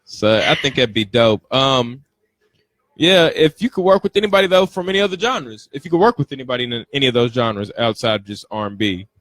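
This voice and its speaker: A man's voice: mid-range voice, big pitch swings, fairly quick, a bit bright. A man hosting an interview in a casual, encouraging, slangy way, often repeating short affirmations. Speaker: interviewer, show host.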